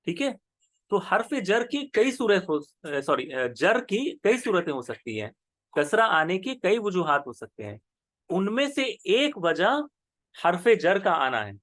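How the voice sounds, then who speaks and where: A man's voice: sits high, very animated, takes it slowly, fairly bright tone, no room sound. A male teacher giving an online grammar lesson, explaining patiently step by step and repeating key terms.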